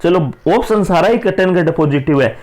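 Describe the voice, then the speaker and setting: A man's voice: high-pitched, animated, moderate pace, darkish tone. A man teacher with a Rajasthani accent, going through exam questions in a casual, chatty way. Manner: casual, chatty, mixes dialect with Hindi. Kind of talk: exam-prep lesson, explaining answers.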